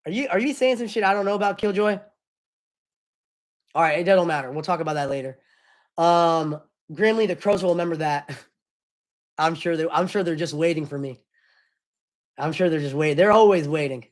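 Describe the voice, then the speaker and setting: A man's voice: fairly high pitch, moderate pace, pauses often. A young man streamer chatting casually with his live chat, loose and slangy, often apologizing.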